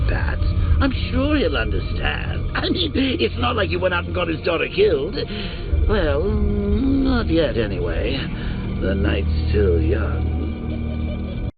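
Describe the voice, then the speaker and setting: An actor playing a gleefully sadistic clown supervillain in a video game, theatrical and mocking, with a creaky voice. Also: male voice, a little high, full character voice. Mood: gloating. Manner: theatrical, mocking, drawn-out phrasing with cackles. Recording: muffled game audio under loud music.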